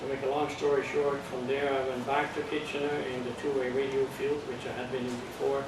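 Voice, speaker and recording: This amateur radio instructor is an older Dutchman with a Dutch accent whose medium-pitched voice stays level and moves fairly quickly. In his classroom lecture he goes step by step, plain and patient, tossing in jokes and checking on the class. The mic sits far away in an echoey, noisy room.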